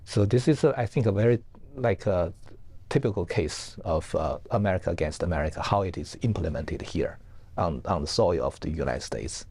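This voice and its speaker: Male professor, low voice, dry close sound, earnest and halting as an interview guest. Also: lively intonation, a little mellow, breathy edge, no room sound. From northeast China. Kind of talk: explanatory interview answers.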